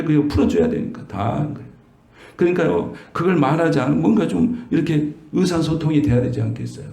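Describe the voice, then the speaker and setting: Middle-aged male pastor, gravelly mellow voice, chatty sermon delivery, echoey church room. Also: mid-range voice. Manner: conversational preaching, rhetorical questions to the congregation. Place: church sanctuary.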